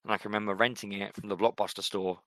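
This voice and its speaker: Racing along in a fairly low voice, a middle-aged man co-hosting a podcast chats casually without any echo. He's relaxed, wanders off topic, and drops in fillers constantly.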